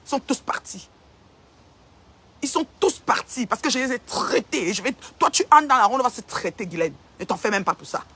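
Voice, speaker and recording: Woman, sharp bright tone, a bit raspy, heated livestream rant, hammers phrases again and again. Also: on the high side, expressive, brisk. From Cameroon. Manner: confrontational, repeats phrases for emphasis. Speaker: online commentator.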